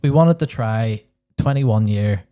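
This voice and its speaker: A man's voice: fairly low pitch, takes it slowly, dark tone, clear, resonant tone. A young man co-hosting a podcast, chatting with enthusiasm and teasing his co-host. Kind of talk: casual chat.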